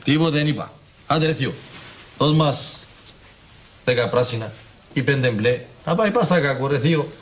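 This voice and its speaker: An actor playing a cheeky young nephew who pleads and teases, with a Cypriot Greek accent. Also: male voice, mid-range voice, lively intonation, long pauses, lightly acted. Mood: wheedling. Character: cheeky young nephew, male, wheedling for money. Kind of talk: TV sitcom acting.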